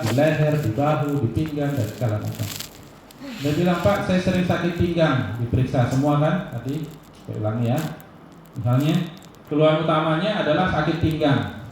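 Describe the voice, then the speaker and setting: A man's voice: mid-range voice, darkish tone, distant mic. Man, instructor, classroom lecture, asks himself questions, very echoey room, faint background noise. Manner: explains by example, asks and answers his own questions.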